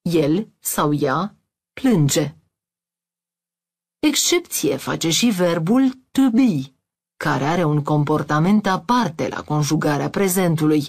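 Lively-pitched woman reading an audio lesson. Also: vocal fry. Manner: slow, deliberate word-by-word reading with pauses; reads English words then Romanian translations. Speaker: language teacher.

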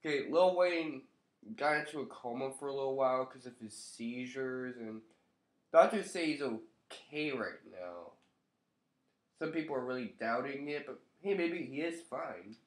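Animated yet unhurried, a young vlogger with a congested, nasal voice from a lingering cold swears freely while chatting casually into his webcam. His pitch stays in an ordinary middle range, and the camera's built-in mic picks up the echoing space of his living room.

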